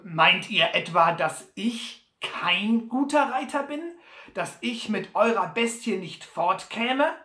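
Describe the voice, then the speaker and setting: A brash, boastful bully, as a reader puts him on, loud and scornful. He swings up and down in pitch as he blusters. The sound is roomy. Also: expressive, takes it slowly. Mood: indignant. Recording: roomy echo.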